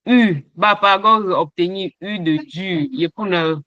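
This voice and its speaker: A man in an online training session, slowly checking participants' answers one by one. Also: high voice, sharp tone, no room sound, lo-fi sound.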